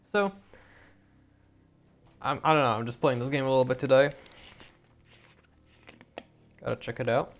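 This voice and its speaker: Male streamer, sick, gravelly, stutters through loose play-by-play chat. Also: mid-range voice, fairly even intonation, fairly quick. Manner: stuttering, rambling. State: feeling sick. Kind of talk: casual gameplay commentary.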